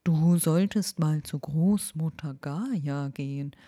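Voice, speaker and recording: A woman voicing a wise old male owl in a whispered role-play, talking slowly and hooting between words. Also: low-pitched, mellow. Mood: drowsy, knowing.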